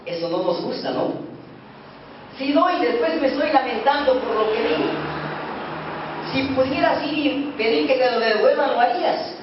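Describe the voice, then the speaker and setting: A high-voiced man preaches a sermon, pressing his points loudly and then sinking to hushed tones. The recording comes from a distance in a very echoey church hall. The sound is dull and carries a steady hiss of noise. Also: moderate pace. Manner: emphatic preaching, swings from loud to hushed. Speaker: pastor.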